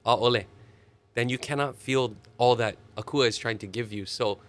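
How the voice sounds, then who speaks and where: A man, a musician telling stories in an animated, expressive way during an interview. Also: mid-range voice, normal speed. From Hawaii. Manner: animated, expressive storyteller with sudden laughs. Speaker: musician guest. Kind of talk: casual storytelling interview.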